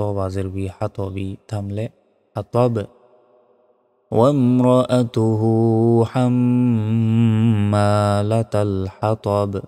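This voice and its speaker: A man teaching Quran reading with a Bangladeshi Bengali accent, spelling out each letter slowly and then chanting the verse. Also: low-pitched. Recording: studio voice with long reverb and soft music.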